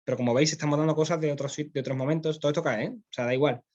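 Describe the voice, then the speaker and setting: A man's voice: on the high side, steady tone, racing, darkish tone, dull audio. A man with a Spanish accent, teaching philosophy in a classroom, explaining step by step and often checking in with his students. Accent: Spain. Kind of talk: classroom lecture.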